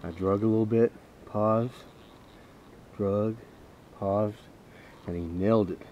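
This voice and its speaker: A man with a fairly low, steady voice talks slowly as he fishes from a small lake boat, giving folksy running commentary as if to himself and the people watching his vlog. The audio is lo-fi, with faint boat and water sounds behind him.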